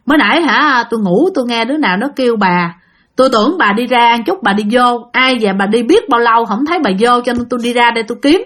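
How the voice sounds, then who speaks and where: A woman voices a blunt middle-aged husband who talks gruffly and scolds hard. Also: fairly high pitch, quick pace, fairly bright tone. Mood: worried.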